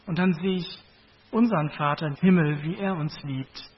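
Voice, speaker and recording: A man's voice: on the high side, moderate pace, slightly rough. A man preaching a sermon with a Bible reading, in a conversational, reflective way. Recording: dull lo-fi recording.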